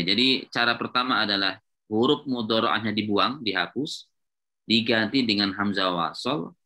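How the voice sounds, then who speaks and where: Bright-toned male Arabic grammar teacher. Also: medium pitch. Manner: patient, repetitive, checks with students often. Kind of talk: classroom lecture at a whiteboard.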